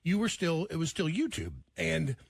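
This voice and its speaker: Male morning radio host: gravelly, husky voice, animated joking delivery, dry studio sound. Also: fairly high pitch, normal speed, no echo. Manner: loud, joking, laughs often, does mocking voices. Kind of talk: casual morning radio chat. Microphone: studio microphone.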